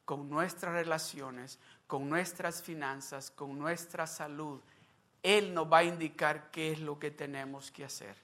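A man's voice: on the high side, fairly even intonation, measured pace, pushed and bright. A man preaching a sermon, telling a personal story in a conversational way and acting out remembered dialogue. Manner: conversational, with restarts and asides to the congregation. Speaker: pastor.

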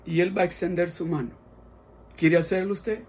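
A pastor preaching with passion, swinging between loud pleading and hushed prayer as he leads listeners to repeat prayer lines. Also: high voice, little pitch movement, moderate pace. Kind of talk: sermon with altar call.

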